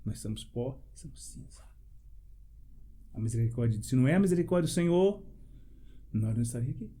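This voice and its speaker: A pastor preaching during a panel debate speaks in a mid-range, mellow voice with a breathy edge, slightly fast and with lively intonation. He's emphatic, fires off rhetorical questions, and laughs briefly between phrases while sharing a personal testimony.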